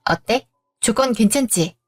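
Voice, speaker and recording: Audio drama: upbeat friend and academy owner, brisk, encouraging, read by a woman. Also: on the high side, expressive, over music.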